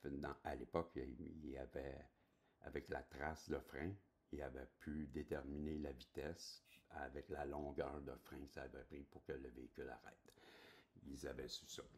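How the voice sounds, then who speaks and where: A man's voice: very deep voice, level tone, moderate pace, a little mellow. A man in his sixties with a Québécois accent, telling a personal story in a rambling, chatty way and checking that viewers follow. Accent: Québécois French. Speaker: spiritual channel host.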